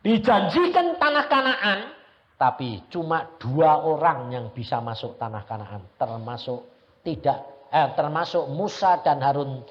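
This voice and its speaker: A man's voice: a little high, a little slow. A middle-aged man, preaching a sermon as an evangelist and telling stories with acted-out dialogue and laughter. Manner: animated storytelling, acting out dialogue, frequent laughter. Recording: dull lo-fi recording.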